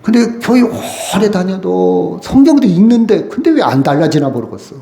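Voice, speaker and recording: Emphatic preacher in an echoey church. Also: male voice, high-pitched, expressive, normal speed, creaky, warm tone, a little hiss or hum. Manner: emphatic, asks the congregation questions. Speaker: pastor. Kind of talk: sermon. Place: church sanctuary.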